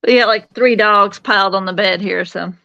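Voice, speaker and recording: A woman's voice: mid-range voice, fairly even intonation, normal speed, gravelly, pushed and bright, no echo, muffled recording. A woman, chatting casually as co-host of a paranormal podcast from home. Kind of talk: casual chat. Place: home bedroom.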